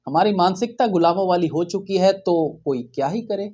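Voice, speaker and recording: A man's voice: high voice, moderate pace, dark tone, lo-fi sound. A man hosting satirical news, with mocking, sarcastic asides.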